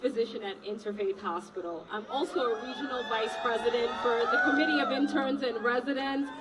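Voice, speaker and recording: A woman from Trinidad and Tobago, a resident physician and union officer, gives a rousing rally speech and chants slogans. Her voice is fairly high and her delivery brisk. The mic is distant, and loud crowd and street noise fill the recording.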